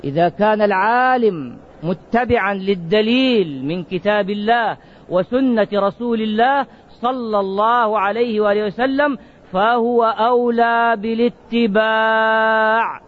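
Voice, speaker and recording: A man's voice: sits high, a little slow, lo-fi sound. A man preaching a sermon, asking the listeners questions and stretching out key words for emphasis.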